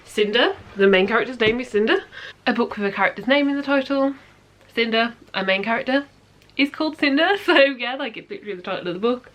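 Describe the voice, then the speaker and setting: A woman's voice: fairly high pitch, fast, a bit bright. Chatty British woman talking books. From United Kingdom. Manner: chatty, rambling, giggly. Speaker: book vlogger. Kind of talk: casual chat.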